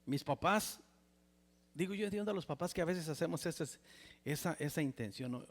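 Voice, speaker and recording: A Mexican man in his sixties preaching a personal testimony sermon in a church, with a Mexican Spanish accent, swinging from loud exclamations to near whispers. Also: fairly high pitch, lively intonation, fairly quick. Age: 60s. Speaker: pastor. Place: church sanctuary. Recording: reverberant church hall.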